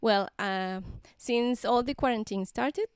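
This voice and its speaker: Spanish-accented woman, smooth dry voice. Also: on the high side, no echo. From Granada, southern Spain. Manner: halting, restarts often, filler-heavy. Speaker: singer-songwriter hosting a live stream. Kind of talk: casual live-stream chat.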